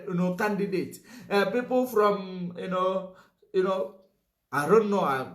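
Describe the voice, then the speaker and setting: In an echoey room, a high-voiced man delivers an emphatic political commentary monologue. He repeats his points and fills the gaps with "you know."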